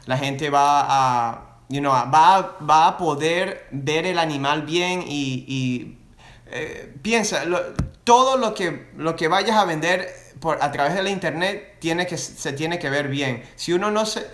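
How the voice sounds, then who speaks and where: Recorded in a room with noticeable echo, a man from Florida takes viewer questions on a laid-back livestream about the reptiles he sells. His pitch is fairly high, his pace moderate, and his tone fairly bright. He rambles, keeps starting over, and mixes Spanish with English.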